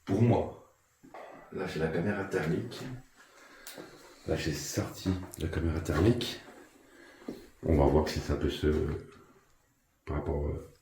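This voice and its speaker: A man investigating an abandoned manor, murmuring remarks and then calling out loudly to spirits. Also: a bass voice, measured pace, long pauses, a little hiss or hum. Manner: hushed remarks broken by loud calls to spirits. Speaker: paranormal investigator. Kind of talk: live ghost-hunting commentary. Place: large abandoned manor indoors. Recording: echoey, off-mic in empty rooms.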